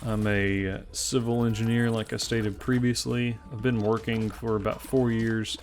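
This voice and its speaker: A Southern-accented gaming channel host in his twenties from Memphis, Tennessee, comments on his gameplay in a casual, self-deprecating way, frequently rambling between thoughts. His voice is fairly low and darkish, with flat delivery at a moderate pace.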